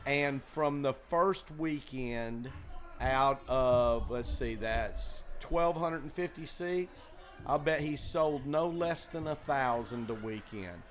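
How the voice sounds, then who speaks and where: A man who runs a comedy club speaks slowly in a medium-pitched voice, with a little hiss or hum in the recording. As co-host, he shares long, meandering green-room stories, full of fillers and restarts.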